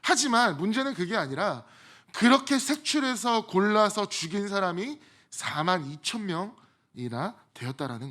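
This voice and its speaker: A man with a high voice preaches a sermon. He keeps it conversational and drops in funny stories from his own life between the points he is explaining. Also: pushed and bright. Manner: conversational, with humorous personal asides. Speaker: pastor.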